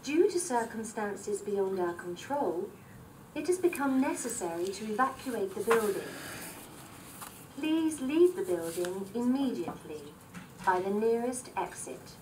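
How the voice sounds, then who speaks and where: Woman's distant PA loudspeaker announcement. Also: medium pitch, animated, noisy background. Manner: measured, repetitive and formal. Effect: fire alarm announcement over a building PA loudspeaker. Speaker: recorded building announcement. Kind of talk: formal public address announcement. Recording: distant PA speaker heard from across a hearing room.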